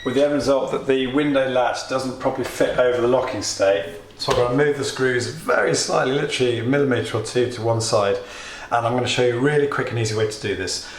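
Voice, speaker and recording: A British DIY video host from the United Kingdom talks through a home repair in a home workshop or kitchen, explaining steps plainly with small asides in a relaxed, chatty tutorial. His mid-range voice is a bit hoarse from a cold and he talks fast. The room echoes, with faint hiss underneath.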